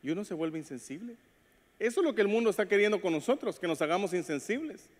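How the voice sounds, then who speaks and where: Male pastor, sermon, fairly high voice, long church reverb, acted-out quotes. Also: animated, fast talker. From Latin America. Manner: preaches with acted quotes and call-outs to the congregation. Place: church sanctuary.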